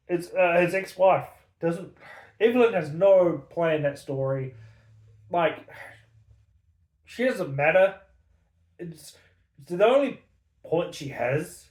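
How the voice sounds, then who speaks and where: Profane, high-voiced male book ranter. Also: roomy sound. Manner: profane, angry, sarcastic. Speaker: book reviewer. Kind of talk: casual ranting review.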